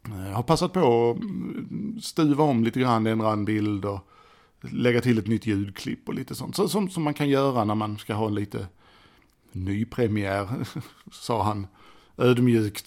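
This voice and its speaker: A man's voice: fairly low pitch, a little mellow. A middle-aged man hosting a solo podcast, chatty and rambling, often restarting his sentences. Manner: rambling, self-deprecating, chatty with many restarts. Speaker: podcast host. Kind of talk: casual solo podcast monologue. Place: indoors at a desk. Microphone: desk microphone by a computer.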